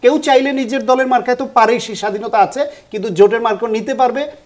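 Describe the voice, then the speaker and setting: A woman's voice: a little high, quick pace. A woman speaking as a guest on a political talk show, making her case in an argumentative way and asking pointed questions.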